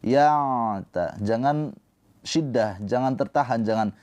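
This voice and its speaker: A man with a mid-range, dark-toned voice teaches Quran recitation rules over a livestream. He explains at a slow pace before chanting verses in a drawn-out, melodic way.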